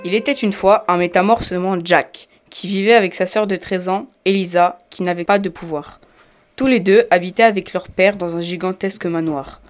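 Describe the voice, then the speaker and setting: A woman narrates a fairy tale in a measured, storytelling way. Her voice sits on the low side. The reading is calm and clear.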